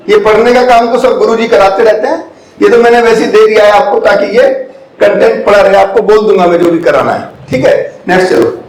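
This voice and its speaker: An older man from India lectures students with a notably high voice. He drops English phrases into his explanations and keeps checking whether they follow. The hall around him rings with echo. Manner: keeps checking the audience follows, with rhetorical questions. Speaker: guest lecturer. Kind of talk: classroom lecture.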